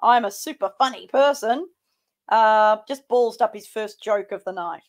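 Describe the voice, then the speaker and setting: A woman's voice: on the high side, unhurried. A woman giving sarcastic reaction commentary, with a mocking, scolding way of talking. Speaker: host of a reaction show.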